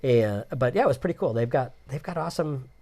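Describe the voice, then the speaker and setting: A man's voice: medium pitch, animated, fast, dark tone. A man co-hosting a podcast in casual chat, rambling loosely with lots of fillers and restarts. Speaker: podcast co-host.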